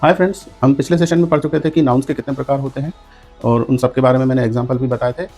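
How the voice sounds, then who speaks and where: A man's voice: medium pitch, fairly even intonation, racing, mellow, soft background music. A man teaching an English grammar lesson in Hindi, explaining rules step by step and spelling words out letter by letter. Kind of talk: classroom lesson.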